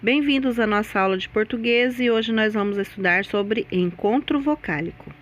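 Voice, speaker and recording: A woman teacher giving a scripted grammar lesson, speaking slowly and deliberately and stressing the sounds in example words. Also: fairly high pitch, lo-fi sound. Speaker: Portuguese teacher.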